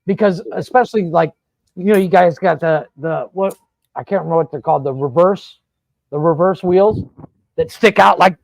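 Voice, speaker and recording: Gravelly, high-voiced podcast host. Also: male voice, normal speed, no echo, poor audio. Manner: profane, rambling, animated storyteller. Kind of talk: casual storytelling chat. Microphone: podcast studio mic.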